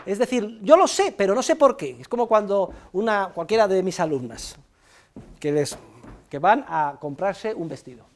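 A middle-aged man from Spain with a Spanish accent, giving a university economics lecture in a classroom, lively, repeating key points and tagging phrases with a questioning "eh". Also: high-pitched, normal speed. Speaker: economics professor.

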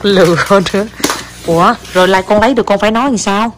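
Woman, young adult, coaxing, slowed teaching delivery, middle pitch, casual home chat. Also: background noise. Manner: coaxing, slows down to model words for the child. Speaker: mother filming her child. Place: at home indoors.

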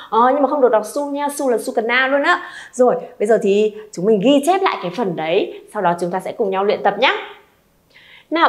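A Vietnamese woman teaching a language class, leading students through pronunciation drills and encouraging them to repeat aloud. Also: on the high side. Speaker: Chinese teacher.

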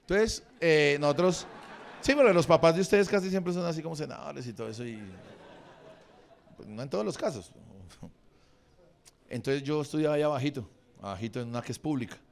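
Rowdy stand-up from a man in his forties with a Bogotá accent, swearing freely and teasing the crowd as he riffs. His voice sits a little high for a man. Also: animated, a little fast, creaky, long pauses. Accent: Bogotá Spanish. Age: 40s. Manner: crude, swearing, bantering with the audience. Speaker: stand-up comedian. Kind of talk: improvised stand-up crowd work. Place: comedy venue with a live audience.

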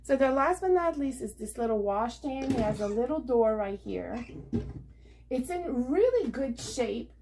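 A middle-aged woman with a slightly high voice rambles casually to a camera sitting nearby in her living room. She talks with lots of fillers and asides, and a faint hiss sits under the recording. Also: expressive, a little slow, dark tone. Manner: chatty and rambling, with many fillers and laughs. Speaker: vlogger showing a thrift haul. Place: living room at home, indoors. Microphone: camera on a table nearby.

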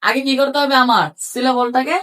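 High-voiced woman teaching from afar. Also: fairly even intonation, a little fast, a bit bright, far from the mic. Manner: asks the class questions and answers them herself; spells out words letter by letter. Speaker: English reading teacher. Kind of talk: classroom lesson.

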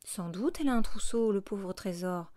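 A woman reading aloud as a coarse, calculating innkeeper's wife who exclaims loudly. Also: medium pitch, expressive, moderate pace, lightly acted. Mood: bargaining.

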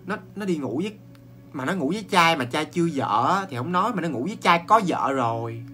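Chatty Southern Vietnamese ghost-story teller. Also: male voice, a little high, a little fast. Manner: chatty, exclaiming, animated with many restarts. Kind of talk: casual ghost-story telling.

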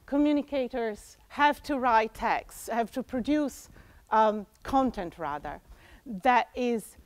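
A woman's voice: a little high, slow pace, no room sound. Woman giving a conference talk on a lapel mic. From Italy. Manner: animated, many fillers and restarts. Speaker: conference speaker. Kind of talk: conference presentation. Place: conference room.

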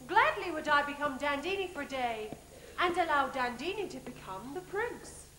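A young English actress playing a genial, restless young prince in a stage pantomime, projecting every word in a declamatory style. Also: female voice, high-pitched, lively intonation, moderate pace, bright, forceful tone. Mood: wistful. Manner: declamatory, carefully enunciated. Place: large theatre stage, far camera. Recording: echoey, noisy theatre videotape.

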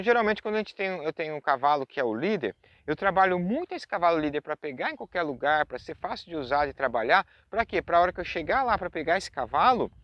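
A man's voice: fairly high pitch, a bit bright, no room sound. A Brazilian man teaching horse handling in a pasture outdoors, chatty and talking straight to viewers with lots of tag questions. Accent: Brazilian Portuguese. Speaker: horse trainer. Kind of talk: outdoor instructional talk.

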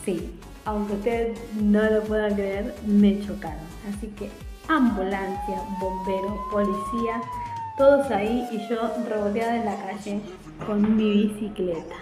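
A woman in her forties with an Argentine Spanish accent, telling her story to camera in a casual, animated vlog from a small room at home. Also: medium pitch, unhurried, echoey room, over music, low-quality recording. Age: 40s. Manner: animated, chatty, gestures a lot with her hands. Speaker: vlogger.

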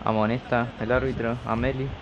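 A man with an Argentine accent and a gravelly edge commentates a football video game casually, rooting for his side in colloquial terms. The sound is dull and lo-fi, with clear noise behind him. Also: medium pitch, flat delivery, brisk. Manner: colloquial, partisan cheering on players. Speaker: YouTube gamer commentating his own match. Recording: dull lo-fi audio with loud noise.

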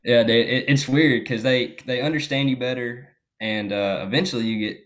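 A man's voice: mid-range voice, moderate pace. A young American man casually telling a story with lots of fillers. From United States. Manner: relaxed storytelling with many fillers. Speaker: guest. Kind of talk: casual chat.

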